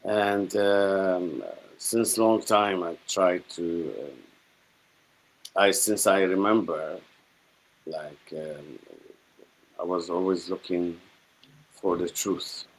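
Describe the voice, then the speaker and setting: A middle-aged Syrian man, a native Arabic speaker with a Syrian accent, guests as a spiritual healer and reflects on his own story. His deep, steady voice halts and repeats as he hunts for words, and the audio quality is poor.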